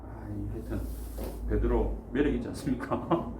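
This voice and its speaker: A man's voice: on the low side, normal speed, background noise. A man preaching a sermon as a pastor in a church. He asks the congregation rhetorical questions and breaks into sudden emphatic bursts. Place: church sanctuary. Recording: echoey church room.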